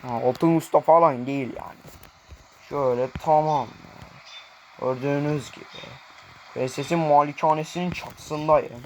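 A man's voice: a little high, normal speed, a little hiss or hum. A young man commenting on his own gameplay, brashly taunting enemies and talking to viewers.

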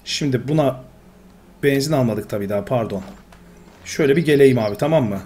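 A man's voice: mid-range voice, fairly quick, slight background noise. A man commentating his own gameplay, talking to himself and getting exasperated. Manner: talks to himself, excitable, exasperated. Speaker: gamer. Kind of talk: Let's Play commentary.

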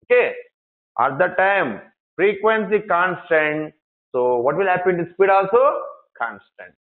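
A man's voice: sits high, lively intonation, unhurried. A male engineering lecturer with an Indian English accent, teaching a class, repeating key phrases and asking questions he then answers himself. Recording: tinny phone-like lecture recording.

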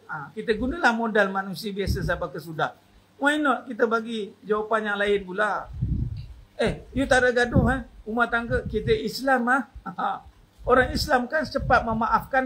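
A man's voice: sits high, a bit bright, breathy edge, poor audio. A man with a Malaysian accent giving a religious talk as a preacher, emphatic, slipping in English words and asking his listeners "ha?" between points. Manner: emphatic, punctuates points with questioning "ha?".

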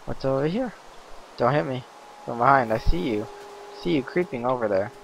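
A man giving casual let's-play commentary, chatty and easily excited, yelping and laughing at mishaps. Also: mid-range voice, moderate pace, gravelly, a little hiss or hum, rough recording. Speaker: gaming commentator.

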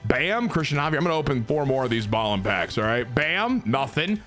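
A young man giving excited commentary over his own baseball video game, muttering one moment and shouting the next. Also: mid-range voice, fairly quick, soft background music. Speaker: gaming YouTuber. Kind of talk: live gameplay commentary.

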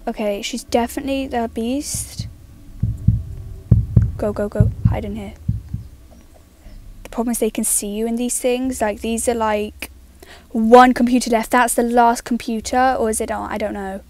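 A woman giving casual gameplay commentary, mostly hushed and nervous, bursting loud when excited. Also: a little high, moderate pace, long pauses. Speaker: gaming YouTuber.

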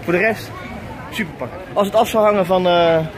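A man's voice: high voice, moderate pace, some chatter behind, a little hiss or hum, rough recording. A man in his thirties with a Dutch accent, chatting casually with many fillers as he vlogs through a busy outdoor theme park, filming himself on a camera held at arm's length. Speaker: vlogger. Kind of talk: casual travel vlog. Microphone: action camera at arm's length. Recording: music clearly heard behind.

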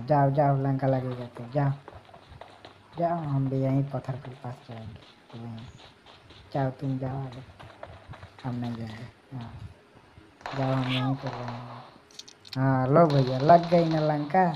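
A man's voice: mid-range voice, warm tone. A man giving casual commentary while playing a mobile game, urging his teammates along and humming snatches of songs. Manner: urges teammates, hums song snatches. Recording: dull lo-fi mic with faint noise.

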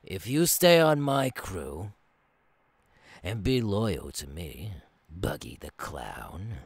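A menacing clown pirate captain in an ASMR role-play. He is theatrical and gleefully cruel, drawling very slowly in a raspy, husky voice that swoops from hushed threats to barks. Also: low voice, very animated, dry recording, heavily acted. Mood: impatient, threatening. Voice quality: raspy, gravelly.

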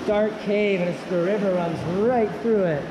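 A man narrating casually and excitedly into a handheld camera while wading through a limestone cave, his voice echoing off the cave walls. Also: high-pitched. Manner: excited, awed running commentary while wading. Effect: cave echo. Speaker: vlogger. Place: inside a limestone cave with a river running through. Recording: roomy cave echo, dull sound, rushing water noise.

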